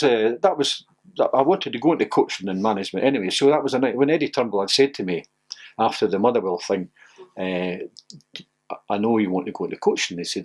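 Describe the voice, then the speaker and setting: Older man telling football stories. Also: slightly rough. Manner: laughing anecdotal, gets loud and high when excited. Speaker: former footballer interviewee. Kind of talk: animated storytelling.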